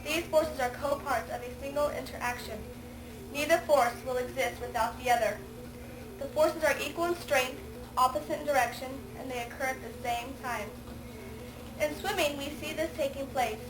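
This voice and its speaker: A woman's voice: sits high, moderate pace. A woman reciting a scripted science explainer in formal wording, recorded as amateur camcorder audio. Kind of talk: scripted narration of a physics explainer. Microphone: camcorder microphone. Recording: amateur camcorder audio with clear background noise. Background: ambient noise.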